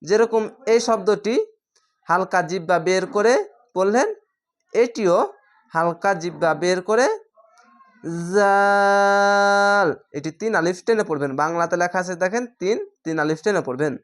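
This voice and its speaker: A woman from Bangladesh teaching a step-by-step Quran reading lesson, sounding out each letter slowly and louder, with plain explanations in between. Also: on the low side. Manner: slow, drawn-out letter pronunciation between explanations; sounds the letters out louder and more drawn out than her explanations.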